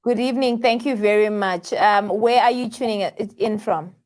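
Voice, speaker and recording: A woman hosts a live call-in show and takes viewers' calls, her speech full of fillers and restarts. Her voice is medium-pitched and somewhat dark in tone, moving at a normal speed.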